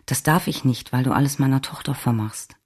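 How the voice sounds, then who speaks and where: A man's voice: mid-range voice, brisk, a little mellow, breathy edge, lightly acted. A reader voicing a middle-aged father who speaks in a firm, decisive way in an audiobook.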